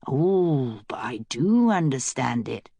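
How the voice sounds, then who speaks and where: A woman's voice: extremely low pitch, sing-song, slow pace, dark tone, slightly rough, dry recording, heavily acted. A woman voicing a cynical, scheming male prisoner who speaks in a mocking drawl.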